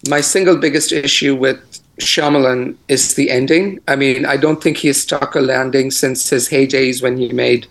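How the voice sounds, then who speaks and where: A man's voice: medium pitch, moderate pace, poor audio. A man, a film reviewer and co-host, talking casually from home over an internet call, his voice crunchy and bitcrushed, with plenty of fillers and restarts. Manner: relaxed, with many fillers and restarts. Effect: crunchy, bitcrushed internet-call audio. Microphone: internet video call.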